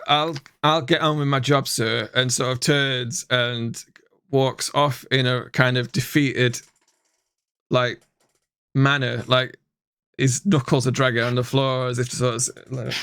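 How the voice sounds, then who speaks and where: Slow, halting male game master. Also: mid-range voice, a bit bright, no room sound. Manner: halting, full of restarts and fillers. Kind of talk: narrating a tabletop game.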